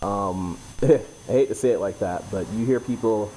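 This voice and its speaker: Blunt low-voiced man explaining cars. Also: normal speed, warm tone, a little hiss or hum, poor audio. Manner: loose and blunt, many fillers and "okay?" tags. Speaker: YouTube host. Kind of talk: casual explainer talk.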